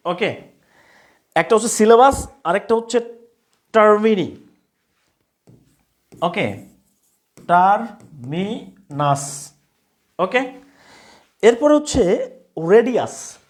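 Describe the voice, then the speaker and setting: Man, Bengali accent, live online grammar class, animated pitch, slow repetition, checks understanding. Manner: repeats words slowly, checks understanding often. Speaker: English grammar teacher.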